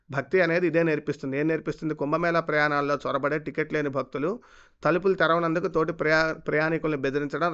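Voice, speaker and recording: A man rattles off heated commentary at great speed, full of scornful rhetorical questions. His voice is smooth and clear and sits a little high. The recording is dull and lo-fi. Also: a bit bright. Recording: dull lo-fi sound.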